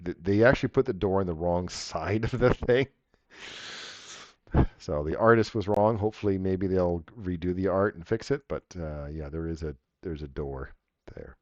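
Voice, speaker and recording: A man's voice: low voice, moderate pace, a little mellow, no room sound. A man narrating and refereeing a tabletop game as game master, in a casual, joking way with some swearing. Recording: dull lo-fi audio.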